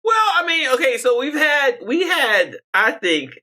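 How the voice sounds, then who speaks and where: A man co-hosting a podcast in casual chat, animated and prone to restarts. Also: a little slow. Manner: animated, wide-ranging pitch, restarts often. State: hiccuping. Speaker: podcast co-host.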